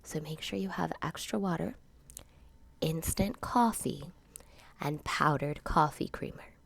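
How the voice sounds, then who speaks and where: A woman's voice: deep voice, measured pace, gravelly, no echo. A woman from Florida, a teacher, whispering through a casual home how-to vlog while sick and sniffly. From Florida, USA. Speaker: teacher and channel host. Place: at home in a dark room.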